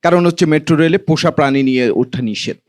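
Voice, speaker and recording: A Bangladeshi man with a notably high voice performs stand-up comedy. He talks colloquially to a live audience and teases them as he goes. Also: fast, background noise. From Noakhali, Bangladesh. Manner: colloquial, teasing banter with the audience.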